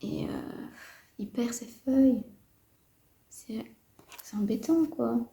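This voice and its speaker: A woman's voice: fairly high pitch, slow pace, vocal fry, warm tone. A woman casually chatting to camera as a houseplant vlogger, hesitant, with many fillers and a mildly disappointed tone, indoors at home. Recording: roomy echo.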